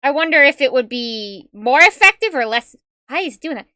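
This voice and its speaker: In a clean studio recording without echo, a woman streamer with a high, bright, forceful voice and lively intonation talks at normal speed. Her voice sounds tiny and cute as she chats casually with viewers, laughing often between remarks and wandering through fillers and self-corrections.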